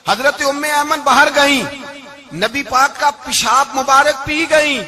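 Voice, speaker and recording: A man preaching a religious sermon, impassioned, moving from soft storytelling to shouts and slow chanted verses. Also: extremely high pitch. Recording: live event with audible crowd. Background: audience crowd.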